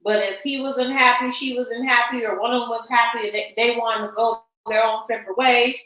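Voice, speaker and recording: A woman's voice: fairly high pitch, fairly even intonation, brisk, bright, forceful tone, heavy reverb, lo-fi sound, slight background noise. A woman co-hosting a podcast in casual chat, teasing and playful. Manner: playful, teasing, flirty banter. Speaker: podcast co-host.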